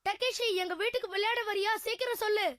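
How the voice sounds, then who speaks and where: A whiny cheeky schoolboy. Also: female voice, extremely high pitch, fairly even intonation, fast, fairly bright tone, dry recording, studio quality. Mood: pleading. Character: young schoolboy, lazy and cheeky. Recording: cartoon music underneath.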